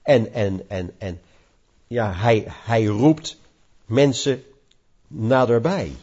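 A man preaching a sermon, his pitch swinging widely as he leans on key words and circles back over his phrases. His voice is a little husky, and the recording is muffled and lo-fi. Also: lively intonation, drawn-out words, a little mellow. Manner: emphatic, repeats and restarts phrases, rising for stress.

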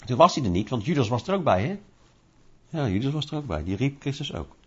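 A man delivers a sermon in a lively, conversational style, posing rhetorical questions and acting out small scenes. His voice is medium-pitched with a breathy edge, and he speaks fairly quickly. The recording is dull and lo-fi.

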